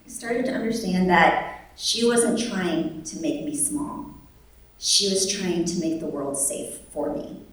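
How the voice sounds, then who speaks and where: A young adult woman, born in Vietnam and raised in the United States, telling a personal story on stage with wry humor and animated quoted voices. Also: fairly low pitch, slow. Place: large echoey venue at a live event. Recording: echoey hall, distant mic.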